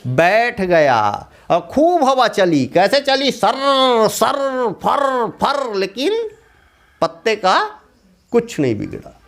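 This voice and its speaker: High-voiced man telling a kids' story. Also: drawn-out words. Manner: animated, asks the young listeners questions. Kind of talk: children's story narration.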